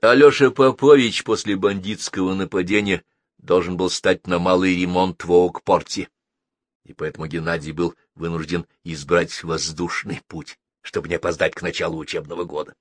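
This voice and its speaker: A man narrating an audiobook in an animated, dramatic reading style. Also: low voice, moderate pace, dry recording, studio quality.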